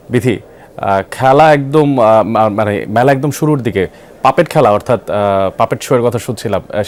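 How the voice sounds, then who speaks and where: A man's voice: lowish voice, darkish tone, slight background noise. A man with a Bangladeshi accent presenting news and handing over to a live report. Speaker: news anchor.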